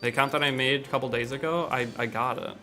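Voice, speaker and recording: A man's voice: mid-range voice, fairly even intonation, fast, pushed and bright, faint music behind. A man casually chatting on a game livestream from home, answering viewers' questions in an offhand, rambling way with some slang. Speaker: game streamer.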